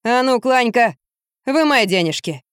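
A woman's voice: a little high, lively intonation, a little slow, no room sound, studio quality, pitched above the performer's own voice. Woman voicing a raving drunk man. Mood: bellowing. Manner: hoarse yelling and wailing. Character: drunken raving middle-aged man, delirious.

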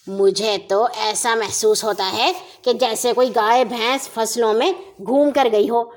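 A woman voicing a grumpy, hot-tempered male farmer in a children's story, grumbling and then shouting in anger. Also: fairly high pitch, steady tone, lightly acted. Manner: grumbling, bursts into angry shouting.

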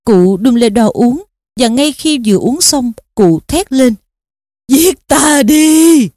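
A woman reading an audiobook aloud in a steady, expressive storytelling manner. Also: a little high, unhurried, no echo, studio quality. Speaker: audiobook narrator.

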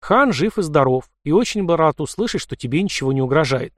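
A man's voice: fairly high pitch, expressive, quick pace, no echo, studio quality, lightly acted. A man reading the part of a blunt, plain-spoken young Cossack man in an audiobook. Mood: sober.

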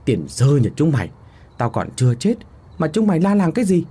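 A man's voice: mid-range voice, expressive, moderate pace, warm tone, slightly rough. A man voicing a cruel, bad-tempered old village strongman in a spoken horror story, barking insults. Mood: furious. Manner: barking and abusive.

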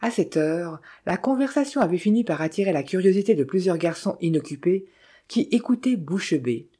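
An audiobook narrator reading a classic adventure novel in a measured, even way. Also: medium pitch, slightly rough. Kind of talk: scripted literary narration.

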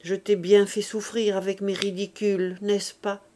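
A woman reading the lines of an aging peasant mother who speaks softly and emotionally. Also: mid-range voice, flat delivery, measured pace, lightly acted. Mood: tender. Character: aging peasant mother, grave, tender, remorseful.

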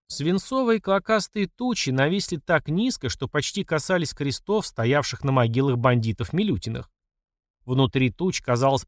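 A man narrating an audiobook with expressive storytelling. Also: medium pitch, dry recording, clean studio sound. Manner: expressive storyteller, voices each character. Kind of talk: scripted narration.

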